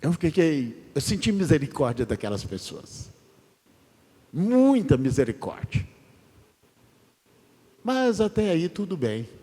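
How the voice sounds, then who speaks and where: A pastor preaching a sermon in a church, telling stories with drawn-out, emphatic phrases. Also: male voice, on the high side, sing-song, dark tone, slightly rough. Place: large church. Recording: long church reverb.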